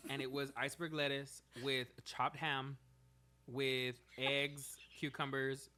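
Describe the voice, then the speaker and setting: A young man in his twenties chatting on a podcast in a studio, telling animated, profane, slang-filled stories. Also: mid-range voice, takes it slowly. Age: 20s. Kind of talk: casual chat.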